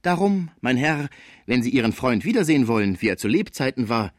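A man voicing a pushy young embalming salesman who delivers an eager, urgent sales pitch. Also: very animated, a little fast, dry recording, studio quality.

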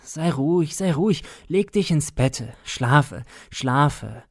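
Male reader as a loving, anxious mother in a storybook reading: higher, tender and pleading, dry close sound. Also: animated, takes it slowly, creaky, dry recording, full character voice. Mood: urging gently. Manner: tender, pleading, raised pitch. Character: anxious loving mother soothing her child.

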